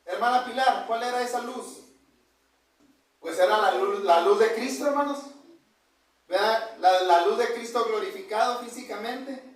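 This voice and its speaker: Guy preaching a bible lesson, really high voice, super echoey church hall, sounds far from the mic. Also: moderate pace. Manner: asks the congregation questions and has them fill in words; addresses listeners as brothers and by name.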